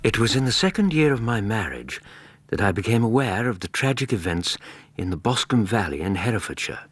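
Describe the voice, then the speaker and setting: Close and dry, a genial English doctor in a radio play. The voice is low and husky, measured in phrasing yet lively in its rise and fall. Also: male voice, no echo, exaggerated voice. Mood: measured, reflective. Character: genial, measured married doctor recounting his memoirs. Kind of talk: radio drama narration and dialogue.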